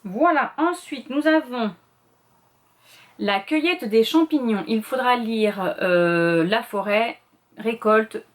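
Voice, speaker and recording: A middle-aged woman talks casually about the books she plans to read. She speaks quickly and rambles, dropping fillers and correcting herself as she goes. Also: on the high side. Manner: chatty, rambling with many fillers and self-corrections; quick talker, admits speaking too fast. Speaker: booktuber presenting a reading challenge list. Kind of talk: casual chat.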